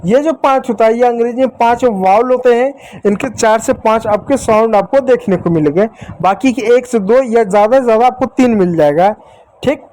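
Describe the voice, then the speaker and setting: Speaking Hindi, a patient man walks children through the sounds of English letters, slowly repeating example words and often checking understanding with "ठीक". The recording is rough, and his voice is very high with a darkish tone.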